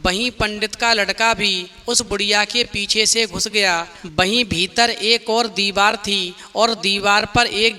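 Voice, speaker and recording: A man tells a devotional folk tale in an earnest, steady storytelling cadence. His voice sits high for a man and has a very sharp, tense, cutting edge.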